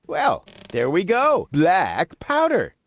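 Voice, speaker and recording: Rufus, a wildly animated cocky schemer. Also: male voice, high voice, takes it slowly, a little hiss or hum, exaggerated voice. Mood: smug. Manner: smug, theatrical, swooping delivery. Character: cocky, reckless young male schemer, self-satisfied inventor. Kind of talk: cartoon adventure game voice acting. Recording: music behind the voice.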